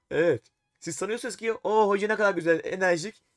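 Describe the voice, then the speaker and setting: A man's voice: high-pitched, normal speed, no room sound, studio quality. A man streaming a live chess game, thinking aloud and talking to his chat, often exasperated. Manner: talks to himself and chat while playing, exasperated.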